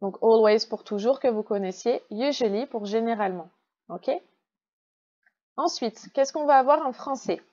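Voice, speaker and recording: In a recorded online class, a French-accented woman teaches English, patiently working through each step and slowing down to model pronunciation. Her voice is on the high side with a darkish tone, and the audio is dull.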